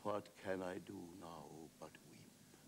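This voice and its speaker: An actor in a one-man stage show voicing a grieving man raised from the dead, pleading in a high, plaintive voice. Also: slow pace, gravelly, slight background noise, exaggerated voice.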